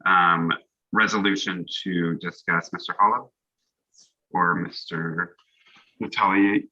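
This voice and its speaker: A man's voice: sits low, steady tone, slow pace, bright, forceful tone. A man politely chairing a public commission meeting over a video call. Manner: polite, procedural. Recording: dull lo-fi call audio.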